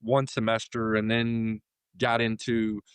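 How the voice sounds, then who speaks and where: A man's voice: fairly low pitch, monotone, takes it slowly, smooth, no echo. A man in his thirties from Florida with an American accent, chatting casually and in a rambling way as an interview guest. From Florida, United States. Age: 30s. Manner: rambling, informal, conversational. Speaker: interview guest, union carpenter.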